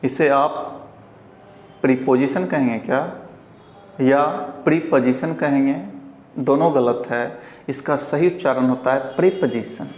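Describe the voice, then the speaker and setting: A man with a Bihari Hindi accent teaching English pronunciation, explaining slowly and repeating each word for learners. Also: mid-range voice, a little mellow. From India. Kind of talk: pronunciation lesson. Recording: echoey room.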